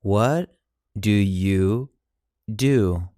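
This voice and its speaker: An English teacher speaking phrases slowly in chunks and repeating each one. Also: sits low, mellow, dry recording, studio quality. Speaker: language teacher. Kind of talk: slow drill of English phrases.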